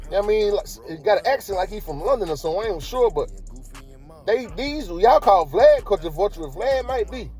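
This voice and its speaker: A man's voice: high voice, darkish tone. A man hosting a casual commentary vlog, talking in slang and throwing rhetorical questions at his viewers. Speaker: commentary channel host.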